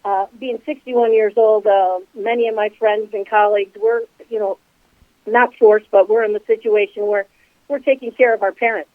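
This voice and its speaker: A woman in her sixties answers interview questions over a tinny phone line. She talks in a measured, unhurried way, leaning on fillers as she thinks, and the sound is dry and close. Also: mid-range voice, fairly even intonation, no echo. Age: 60s. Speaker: guest, commercial realtor and company co-founder.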